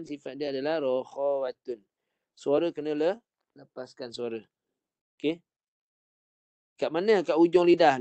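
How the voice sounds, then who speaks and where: A man's voice: a little high, mellow, no room sound. A man with a Malaysian Malay accent teaching an online Quran recitation lesson, patiently repeating short drills and corrections over a video call.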